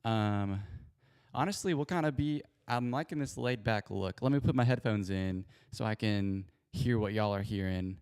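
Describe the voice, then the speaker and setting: A man's voice: on the low side, moderate pace, a little mellow, smooth. A man hosting a sports show in casual livestream chat, rambling and apologetic, speaking into a handheld mic in an echoey home garage. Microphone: spare handheld mic.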